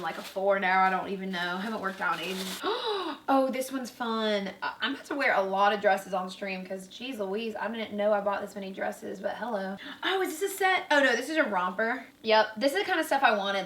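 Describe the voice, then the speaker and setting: A woman's voice: medium pitch, a bit bright, recorded from a distance. A young woman vlogger chatting casually while unboxing clothes, bubbly and full of fillers, a bit out of breath. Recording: roomy, from away from the mic.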